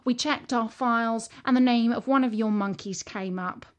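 A woman's voice: on the high side, normal speed, lightly acted. A woman doing a formal storybook policeman. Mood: official. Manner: formal, official. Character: matter-of-fact male police officer.

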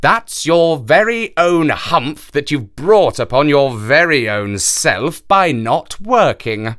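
Magical male desert spirit, stern and patient, who scolds slowly and deliberately, as a man puts him on. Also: on the high side, big pitch swings, a bit bright, no room sound, clean studio sound, pitched above the performer's own voice, exaggerated voice.

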